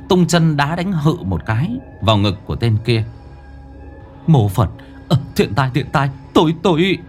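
A man telling a ghost story as dramatic, expressive scripted narration. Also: medium pitch.

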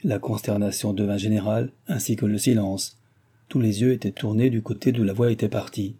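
Man with a dark, husky voice. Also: fairly low pitch. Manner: steady, measured reading. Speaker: audiobook reader. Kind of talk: storybook narration of a classic novel.

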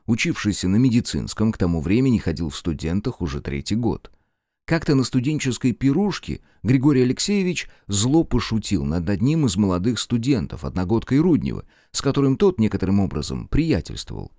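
A man narrating an audiobook with expressive storytelling. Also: fairly low pitch, a little fast, no room sound, studio quality.

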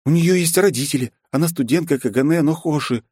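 A man voicing a haughty, hot-tempered young noble girl who scolds in shrill outbursts. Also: a little fast, a little mellow, breathy edge, dry recording, studio quality. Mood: indignant.

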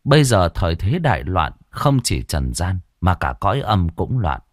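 Male narrator for a ghost story audiobook, deep voice, lively melody, dry close recording. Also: moderate pace, no echo.

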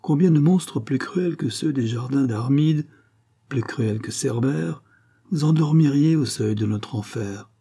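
A man's voice: medium pitch, measured pace, vocal fry, warm tone, breathy edge, voice pushed up. A man voicing a haughty, scornful queen with a biting, contemptuous delivery. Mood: mocking.

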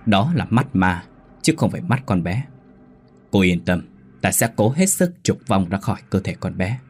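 A man voicing a calm, steady middle-aged exorcist in a spoken ghost story. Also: low-pitched, moderate pace, husky. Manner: steady, commanding.

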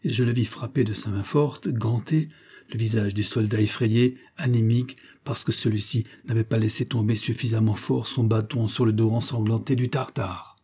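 A man reading a literary story aloud as an audiobook narrator, in a measured, grave way. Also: fairly low pitch, fairly even intonation, mellow, slightly rough. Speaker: audiobook reader.

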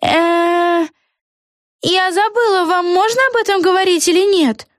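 A woman's voice: extremely high pitch, a little slow, no room sound, clean studio sound, voice pushed up. A woman voicing a cheerful, scatterbrained young witch girl in a storybook reading, bubbly and sing-song. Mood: cheery.

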